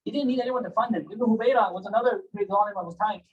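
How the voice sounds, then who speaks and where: A man giving a casual, animated religious storytelling lecture, often checking in with his listeners. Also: sits high, rapid-fire, highs cut off. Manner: animated, conversational, asks listeners "right?" and "you know?". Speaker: Islamic lecturer. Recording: distant mic, poor sound quality.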